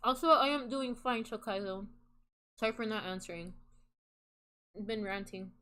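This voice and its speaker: A woman's voice: mid-range voice, normal speed, bright, forceful tone. A young adult woman live streamer chatting casually in a rambling, self-deprecating, slangy way. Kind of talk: casual livestream chat. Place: indoors, solo at a computer on a voice call setup. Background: background music.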